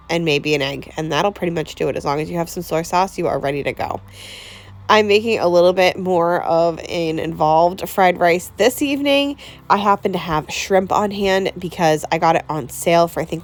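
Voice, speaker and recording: A woman chatting casually through a home cooking tutorial in her kitchen, laughing easily and peppering her talk with "like". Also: on the low side. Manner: chatty, laughs often, says "like" a lot. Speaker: home cooking vlogger and mom.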